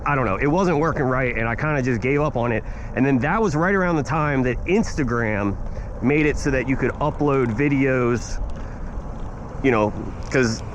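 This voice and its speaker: A man's voice: mid-range voice, normal speed. A man chatting casually to his viewers in a laid-back, slangy, rambling way, recorded outdoors while riding a scooter. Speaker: vlogger and delivery gig worker. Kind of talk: casual vlog chat to viewers. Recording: outdoors on the move, clear road noise.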